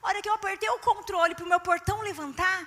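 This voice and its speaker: A woman's voice: very high voice, fast. A woman preaching a sermon at a women's service in a church, telling stories with emphasis and speaking straight to the women. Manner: animated storytelling, emphatic, addresses the women directly. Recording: echoey church hall.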